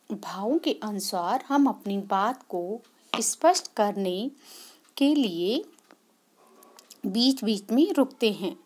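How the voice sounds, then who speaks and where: Slow, mellow-voiced woman teacher. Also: on the high side, slightly rough. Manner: explains step by step, repeats key points, asks and answers her own questions. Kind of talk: online grammar lesson.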